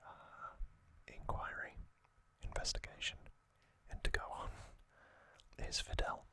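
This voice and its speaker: A whispering male ASMR host softly meanders through trivia, his speech broken by frequent pauses and ums. He rambles, weaving in personal recollections.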